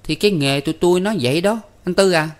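A man voicing Năm, an excitable young street tough who blurts out his words in a high voice. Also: fast, natural voice. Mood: matter-of-fact.

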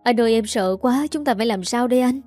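A woman's voice: medium pitch, fairly quick, dark tone, soft background music, close to an everyday voice. A woman voicing a frantic, grieving young woman who pleads through tears. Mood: distraught. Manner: pleading, tearful, breathless.

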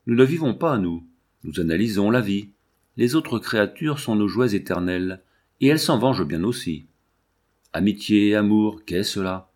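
A melancholy, reflective aging poet, read by a man in an audiobook muses in earnest. His voice sits low. The delivery stays measured and heartfelt. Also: a little mellow, slightly rough. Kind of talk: audiobook reading.

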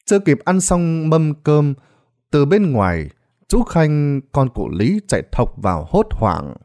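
A man's voice: on the high side, wildly swooping pitch, unhurried, warm tone. A man reading a ghost story aloud in a dramatic storytelling manner. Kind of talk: scripted narration.

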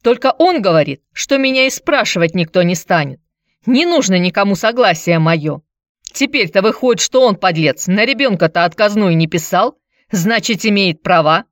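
A woman's voice: lively intonation, moderate pace, no echo, studio quality, natural voice. A woman voicing a quarrelsome, hard-drinking woman who answers in a snappish, sarcastic way. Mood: indignant. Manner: snappish, sarcastic, shrill when riled.

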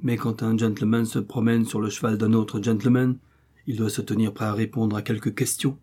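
Man voicing a resolute young traveler for an audiobook; firm, pressing delivery, mellow and a little husky. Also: lowish voice, little pitch movement, fairly quick. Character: bold young male traveler, determined.

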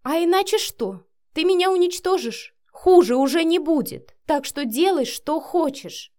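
A woman's voice: sits high, moderate pace, voice pushed up, lightly acted. Woman voicing an upset young woman, begging and emotional, story reading. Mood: defiant. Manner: pleading, emotional, defensive. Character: distraught young woman, pleading and tearful. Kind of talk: audiobook character reading.

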